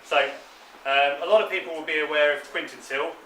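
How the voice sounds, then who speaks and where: A man giving an unscripted guided tour, explaining things in a calm, measured museum-guide manner. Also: a little high. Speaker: signal box tour guide. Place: indoors in a signal box. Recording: echoey room, distant mic, clear background noise.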